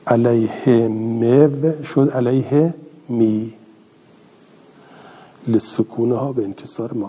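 A man with a very dark, mellow and somewhat husky voice teaches a grammar lesson, reading a text aloud and then explaining it. He asks questions and answers them himself. The recording sounds dull and lo-fi, with a long reverb trailing each phrase. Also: mid-range voice.

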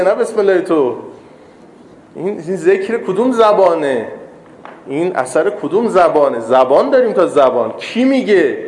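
A man's voice: a little high, a little mellow, reverberant. A man giving a sermon, telling stories and voicing the people in them, with rhetorical questions. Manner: storytelling, voicing quoted characters, rhetorical questions. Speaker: cleric giving a religious lesson. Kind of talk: sermon with anecdotes.

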